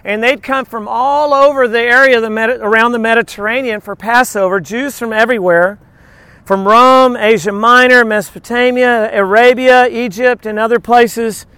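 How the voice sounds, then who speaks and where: A very high voice, clear and resonant, at normal speed and with no echo, belongs to a preacher. His sermon is informal and conversational, built on personal stories and animated, acted-out quotes as he teaches.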